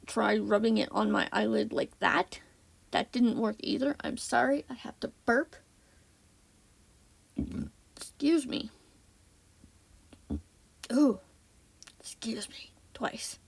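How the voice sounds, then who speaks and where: A woman talking casually in a voiceover, rambling and correcting herself, her voice a bit off today. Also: fairly high pitch. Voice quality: gravelly fry in her voice. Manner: rambling, self-correcting, lots of ums. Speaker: beauty vlogger. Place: home, indoors.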